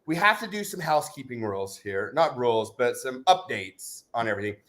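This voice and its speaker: Exuberant, lively man hosting a livestream. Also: mid-range voice, a little fast. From Utah. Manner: exuberant, whoops and shouts, jokey. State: recovering from covid. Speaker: livestream co-host. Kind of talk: casual live chat.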